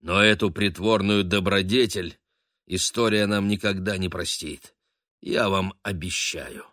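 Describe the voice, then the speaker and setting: A man voicing a weary old sea captain in an audiobook, speaking in a booming, grim and forceful manner. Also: steady tone, unhurried, no room sound, clean studio sound. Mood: bitter.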